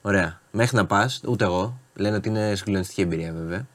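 A man co-hosting a show with a wry, ironic manner, chatting casually and recommending events. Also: lowish voice. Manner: wry, ironic, pushes back calmly. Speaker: radio co-host.

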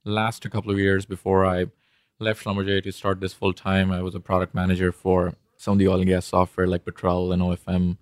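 A man's voice: low-pitched, completely flat delivery, fairly quick, no room sound, clean studio sound. A man from India with an Indian accent, an interview guest and startup founder explaining things in an informal, conversational way.

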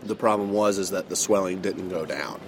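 A man's voice: low voice, fairly quick, background noise. A young man in his twenties, a college football player, talking loosely and chattily in an interview at an outdoor campus table. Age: 20s. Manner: loose and chatty, full of fillers. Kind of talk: casual interview talk.

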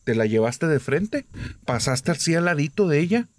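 A man's voice: a little high, big pitch swings, normal speed, dry recording. A man voicing a frightened young man who stammers. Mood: scared. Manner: shaky and stammering. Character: frightened young man, her reckless boyfriend.

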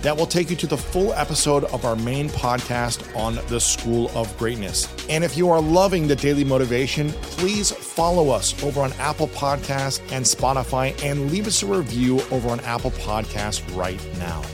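A man reads a scripted podcast sign-off in a steady announcer's delivery, with clear music playing beneath. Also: mid-range voice, normal speed, hardly any pauses. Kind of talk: scripted outro read.

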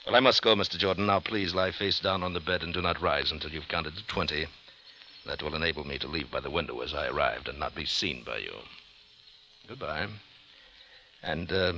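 Scarborough, a silky deep-voiced killer. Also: male voice, normal speed, pushed and bright, slight background noise, full character voice, low-quality recording. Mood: silky, mocking. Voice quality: formal, mannered diction. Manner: silky and menacing. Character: suave cold-blooded male hired killer. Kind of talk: 1950s radio drama acting.

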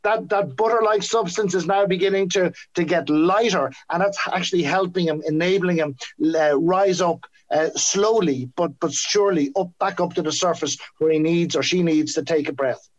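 A man's voice: sits high, normal speed, few pauses, lo-fi sound. An Irish man, a guest expert, explaining things conversationally in an interview, often repeating words as he finds his phrasing. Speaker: guest expert on whales and dolphins.

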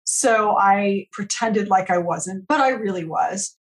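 Her mid-range voice moves at a slow pace as this middle-aged woman from California shares earnest, reflective stories of her life. She is a podcast interview guest.

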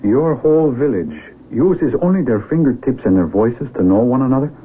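In a 1970s radio drama, a male actor plays a polite, bewildered young mountaineer who is earnest and a bit hesitant, now and then exclaiming in wonder. His mid-range voice is animated and breathy at the edges, at a moderate pace. The tinny AM radio recording carries plenty of period noise.

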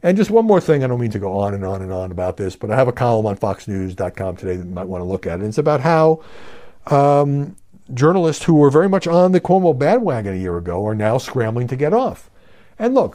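A man's voice: medium pitch, mellow. A middle-aged man from Brooklyn hosting a news media show, giving emphatic, conversational commentary. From Brooklyn, New York.

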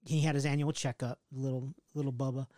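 A man co-hosting a podcast, telling a story in a casual, animated way, swearing freely and acting out his own panic. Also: medium pitch, a little fast, dry recording, clean studio sound. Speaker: podcast co-host.

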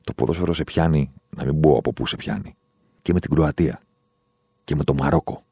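A man hosting a football podcast, in an animated, sarcastic monologue that jumps from loud outbursts to muttered asides. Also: a bass voice, gravelly, breathy edge, no room sound, clean studio sound. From Greece. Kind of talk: opinionated monologue.

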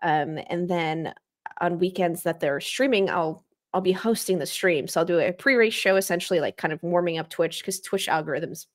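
A young woman, a motorsport streamer, chatting as a guest in an interview, bubbly and animated as she tells stories. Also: lowish voice. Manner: bubbly, animated storytelling with quick asides. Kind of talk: casual interview chat.

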